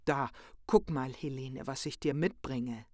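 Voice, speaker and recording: A narrator doing a softhearted old grandfather. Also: mid-range voice, a little slow, dry recording, studio quality, natural voice. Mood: gentle.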